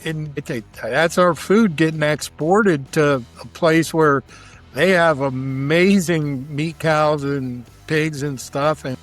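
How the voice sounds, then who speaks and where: A barbecue cook chats casually as an interview guest, folksy, colloquial and enthusiastic. His voice is fairly high and his pace slow, with soft music in the background.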